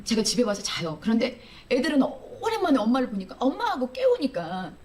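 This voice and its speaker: In a played video clip, a woman comedian tells her personal testimony, animatedly acting out her own outbursts. Her voice is fairly high and quick, with slight background noise.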